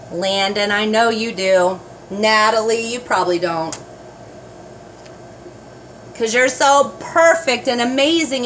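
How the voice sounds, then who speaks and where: A woman's voice: a little high, slight background noise, rough recording. An older woman with a grandmotherly manner reads a children's story aloud expressively, with asides to the little ones. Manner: grandmotherly, slow and expressive, addressing small children. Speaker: grandmother reading to her grandchildren.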